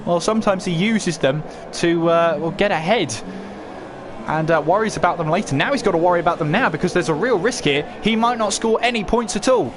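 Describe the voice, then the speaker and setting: A man with a high voice calls a motor race live as a motorsport commentator, speaking fairly quickly over background noise. He delivers running play-by-play and tosses out rhetorical questions as he goes.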